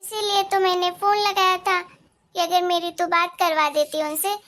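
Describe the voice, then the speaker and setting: Figure: a woman doing a gentle worried mother, high voice. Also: level tone, moderate pace. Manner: soft, reassuring, explaining.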